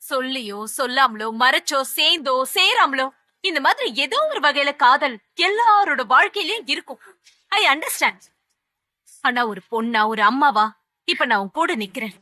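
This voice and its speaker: A firm, protective mother who is a lawyer lectures her daughter in a TV serial. Her voice is high and bright, and the sound is close and dry. She drops in English phrases to make her point. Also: animated, moderate pace, no room sound. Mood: consoling. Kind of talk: TV serial drama acting.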